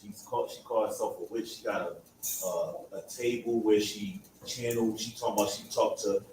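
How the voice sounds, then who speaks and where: A man's voice: on the low side, a little fast, darkish tone. Man, class member, hesitant, stumbling restarts, distant, echoey room, faint hum. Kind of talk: telling a personal story in class.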